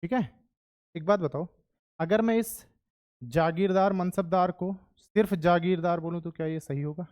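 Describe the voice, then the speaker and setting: High-voiced man teaching a class. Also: moderate pace, darkish tone. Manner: chatty, keeps checking students follow, mixes in English. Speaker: history teacher. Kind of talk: classroom lecture to exam students.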